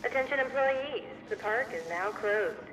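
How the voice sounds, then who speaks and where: A woman voicing a calm, formal amusement park announcer over an outdoor loudspeaker. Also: on the high side, normal speed. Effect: outdoor public-address loudspeaker. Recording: distant echoing loudspeaker with faint hiss.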